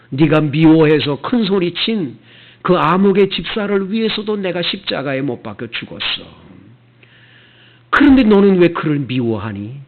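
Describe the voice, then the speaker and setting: A man voicing God as a solemn, gentle male figure who speaks in a slow, hushed rebuke. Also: mid-range voice, pitched below the performer's own voice. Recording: tinny phone-like sound.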